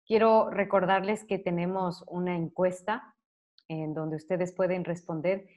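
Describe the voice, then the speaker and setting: A woman with a somewhat low voice closes a panel talk as its host. She thanks her guests and introduces each of them in turn. Her delivery is tidy and orderly. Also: steady tone, a little slow, darkish tone. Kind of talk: closing remarks of a panel talk.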